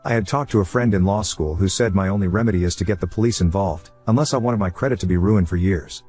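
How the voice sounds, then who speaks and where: A man reads online stories aloud at a quick clip, keeping a brisk, steady storytelling pace. His voice sits a little low and has a husky edge. Soft music plays faintly behind him. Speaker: narrator.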